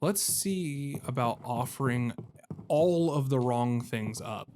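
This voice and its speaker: Thinking aloud over game music, a man streaming a let's-play rambles casually and jokes at his own expense. He speaks slowly at a medium pitch, his voice a little mellow, with the music audible behind him.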